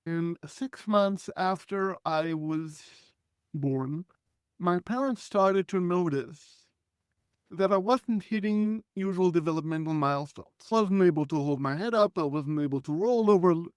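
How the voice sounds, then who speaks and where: Recorded dry and close, this man from Israel speaks Hebrew in a high voice at a slightly slow pace. He's in his forties, appearing as a guest who shares his life story in an earnest, reflective, conversational way, and he frequently clears his throat.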